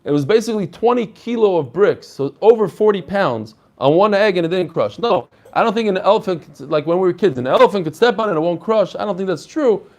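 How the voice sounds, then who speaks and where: A man's voice: high voice, expressive, brisk, few pauses, a little mellow. A man giving an informal religious lesson as a rabbi, explaining conversationally and posing rhetorical questions. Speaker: rabbi teaching a daily Talmud class.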